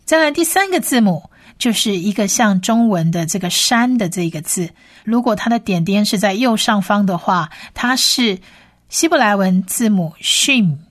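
A woman leads a recorded language lesson, sounding out each letter and syllable again and again with patient care. Her voice sits at a middle pitch. The recording is close and dry, with no room sound. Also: lively intonation, no room sound. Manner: patient, repeats each sound slowly and clearly. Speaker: Hebrew teacher.

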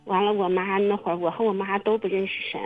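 A halting woman over a phone line. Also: mid-range voice, level tone, faint music behind. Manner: halting, repeats words, many fillers. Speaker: testimony guest. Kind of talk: casual personal testimony. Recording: muffled phone-line radio recording.

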